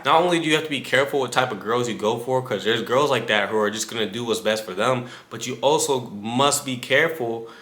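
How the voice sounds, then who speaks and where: A fitness creator in his twenties gives casual advice directly to the viewer, loaded with slang and asides. His voice is medium-pitched, bright, and forceful, recorded in an echoey room.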